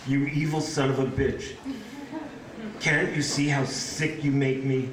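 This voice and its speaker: At an indoor bookshop event, a man reads poems aloud to an audience, adding informal asides between them. His voice is medium-pitched, steady and a little slow, with the crowd audible behind him. The recording comes from a distant microphone in an echoey, noisy room.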